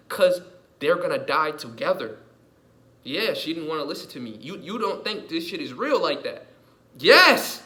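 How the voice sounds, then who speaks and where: Bright-voiced man ranting emphatically. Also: fairly high pitch, poor audio. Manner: emphatic, repetitive, heavy swearing. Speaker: vlogger. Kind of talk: casual monologue rant.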